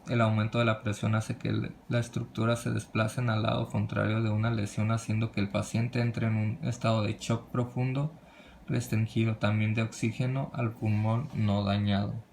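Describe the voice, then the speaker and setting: Man, gravelly voice, halting slide lecture, frequent restarts, faint background hiss. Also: on the low side, flat delivery, darkish tone. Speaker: presenter of a medical lesson.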